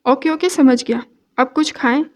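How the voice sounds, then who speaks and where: A woman's voice: sits high, close to an everyday voice. A woman reading an easygoing young doctor. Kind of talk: audio novel reading.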